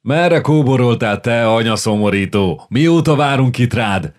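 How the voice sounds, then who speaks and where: A man voicing a big, hearty officer who roars with loud good humour in an audiobook. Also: mid-range voice, lively intonation, voice pushed up, lightly acted. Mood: jovial. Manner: roaring, jovial, loud. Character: boisterous hearty middle-aged army officer.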